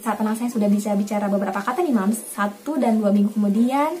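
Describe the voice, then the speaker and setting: A young Indonesian mother runs a home tutorial for her parenting channel, talking fast in a mid-range voice over soft background music. She's warm and casual, repeats herself a lot, and calls her viewers "Mams."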